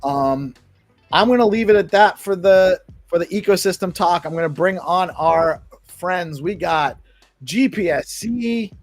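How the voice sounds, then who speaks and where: A man's voice: sits high, expressive, a little slow, soft background music. A man hosting a casual live community talk, emphatic and given to repeating his points. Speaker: talk show host.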